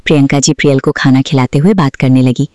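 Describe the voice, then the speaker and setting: A woman reading a story aloud as narrator, steady and even. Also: extremely low pitch, quick pace, no room sound, clean studio sound.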